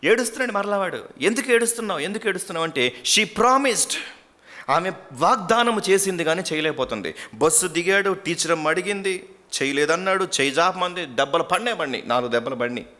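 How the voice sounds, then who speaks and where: A man's voice: fairly high pitch, fairly quick. A man preaching a sermon as a pastor, telling stories and acting out the people in them. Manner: animated storyteller, acts out characters.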